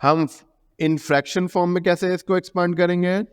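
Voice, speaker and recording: He has a high, smooth voice and delivers his math lesson flatly and unhurriedly, with an Indian English accent. Explaining in Hindi with English terms mixed in, he repeats key terms and asks and answers his own questions, recorded with long reverb.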